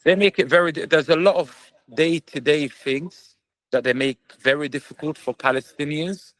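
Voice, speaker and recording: A young man, a Muay Thai fighter raised in England, answering interview questions earnestly with frequent pauses and fillers. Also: a little high, a bit bright, no echo, low-quality recording. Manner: earnest, halting with many fillers.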